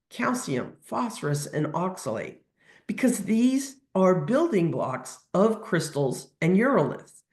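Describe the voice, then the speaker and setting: With a cold dragging on them, a veterinary technician delivers a step-by-step webinar lecture full of ums and restarts. The medium-pitched voice is slightly mellow, and the recording carries reverb.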